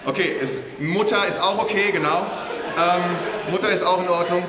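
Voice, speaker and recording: A man preaching a sermon, telling the story in a lively, casual way and talking directly to his listeners. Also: high-pitched, moderate pace, a crowd in the background. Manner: lively storytelling, addresses the audience, casual slang. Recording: echoey hall with faint hiss.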